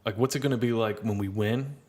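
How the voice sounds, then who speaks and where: Young podcast co-host, lowish voice, keeps asking the questions. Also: male voice, quick pace, a little mellow. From Philadelphia. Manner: asks questions, drives the talk. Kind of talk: casual chat.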